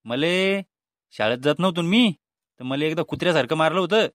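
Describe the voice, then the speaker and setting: A man's voice: a little high, brisk, a bit bright, no echo, clean studio sound, close to an everyday voice. A man voicing an exasperated, timid middle-aged father in a cartoon comedy, with a Vidarbha Marathi accent and a pleading tone.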